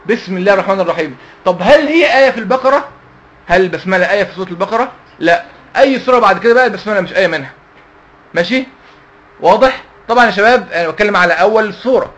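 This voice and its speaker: Egyptian male teacher of a youth Quran class, quick-fire, raised pitch, asks and answers his own questions. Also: expressive, fairly bright tone, dull audio. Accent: Egyptian Arabic. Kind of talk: religious lesson to youth.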